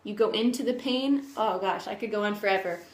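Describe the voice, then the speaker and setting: A woman's voice: mid-range voice, brisk. A woman in a pensive, candid and earnest personal monologue, searching for words and letting thoughts trail off as they reflect. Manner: candid, earnest, emotionally open. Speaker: personal development vlogger sharing their own journey. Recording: echoey room.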